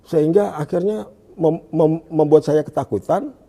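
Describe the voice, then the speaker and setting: A man from Indonesia recounts his experience in an interview, in a mellow, slightly raised voice. He talks haltingly and restarts as he hunts for the right word, then sinks to a hushed tone whenever he quotes. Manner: searching for words, halting restarts; drops to a hushed low voice when quoting. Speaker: guest giving a testimony. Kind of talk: conversational interview.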